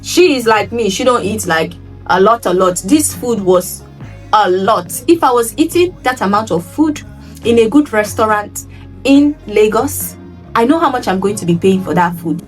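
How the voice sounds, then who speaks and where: A woman's voice: medium pitch, expressive, moderate pace. Young woman, Nigerian accent, vlog storytelling, emphatic repeats, voice set back from the mic, light music underneath. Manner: emphatic, repeats phrases for effect. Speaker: travel vlogger. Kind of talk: casual storytelling to camera. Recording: voice a little distant from the mic, soft music behind.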